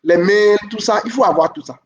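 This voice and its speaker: High-voiced man giving repetitive advice. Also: brisk, distant mic, dull audio, a little hiss or hum. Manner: repeats key points, checks in with "ok?". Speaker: relationship advice speaker. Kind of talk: advice talk to camera.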